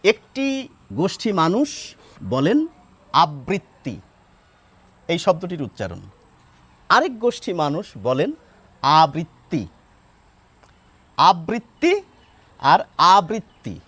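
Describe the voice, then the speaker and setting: Older Bengali man, patient pronunciation teacher, high animated delivery, dry close sound. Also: no echo. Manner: slow, deliberate demonstration of words. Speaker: language teacher. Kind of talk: explanatory lesson on pronunciation.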